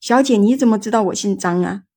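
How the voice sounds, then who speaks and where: A woman's voice: mid-range voice, breathy edge. A woman doing a brash flirty fish seller. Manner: brash, cheerful, quick to shout. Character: jovial lecherous man in his forties, hot-tempered.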